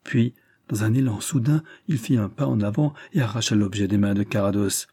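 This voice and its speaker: Husky, dark-voiced male narrator. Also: lowish voice, brisk, no echo, studio quality. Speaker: audiobook narrator. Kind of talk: scripted literary narration.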